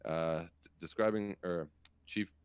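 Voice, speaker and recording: A man's voice: sits low, fairly even intonation, a little slow, clear, resonant tone, no room sound. A man co-hosting a casual talk show, chatting loosely and reading news items aloud with stumbles and asides. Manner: casual, laughs, swears, reads news with stumbles. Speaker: podcast co-host.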